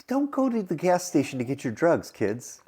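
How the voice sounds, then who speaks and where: A man's voice: a little high, normal speed, a little hiss or hum. A man co-hosting a podcast, chatting casually, rambling with lots of fillers and getting worked up when he rants. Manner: rambling, hedging with fillers, animated when ranting. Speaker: podcast co-host. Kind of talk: casual chat.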